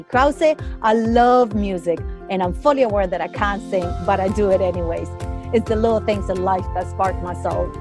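Chatty woman hosting a podcast, music behind. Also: medium pitch. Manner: chatty, laughs easily, stumbles over words. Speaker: podcast host. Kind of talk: podcast interview.

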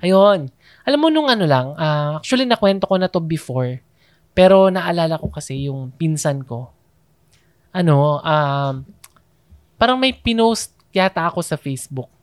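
A man's voice: fairly high pitch, expressive, unhurried, smooth, no room sound, studio quality. A man with a Filipino accent, co-hosting a casual podcast, talking loosely with many fillers and restarts. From Philippines. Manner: chatty, mixes English into Tagalog, many fillers and restarts. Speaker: podcast co-host.

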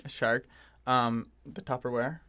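Animated young man, casual podcast chat. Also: mid-range voice, unhurried. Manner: animated, swearing, laughing often. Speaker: podcast co-host.

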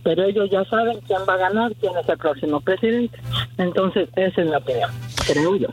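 A woman's voice: mid-range voice, expressive, fairly quick, darkish tone. A woman calling in to a radio show to give her opinion, earnest and modest, repeating her point. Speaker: caller. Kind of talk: phone-in opinion. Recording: tinny phone line.

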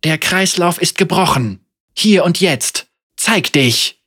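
A man's voice: medium pitch, lively intonation, slow pace, slightly rough, heavily acted. A man voicing a defiant, despairing young woman. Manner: shouting in anger, teeth clenched.

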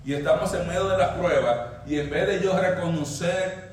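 A male pastor preaching a sermon, swinging from emphatic high peaks down to low quiet lines. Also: moderate pace, slight background noise. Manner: preaching, rising emphatically, then dropping low. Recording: echoey hall, mic at a distance.

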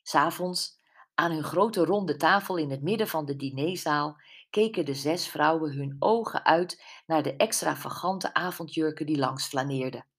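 A woman calmly narrating an audiobook novel. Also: low-pitched, moderate pace, husky. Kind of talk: scripted narration.

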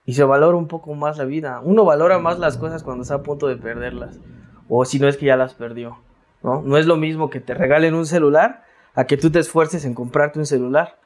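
A man's voice: mid-range voice, a little mellow. A Mexican man talking casually as an interview guest, slangy, with many restarts and tag questions. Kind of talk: casual reflective interview talk.

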